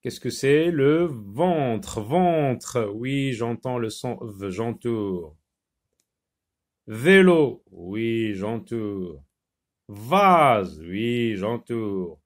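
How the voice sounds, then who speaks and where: A man's voice: medium pitch, expressive. A man teaching a phonics lesson, patiently repeating words and spelling them out letter by letter. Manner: slow, deliberate word repetition.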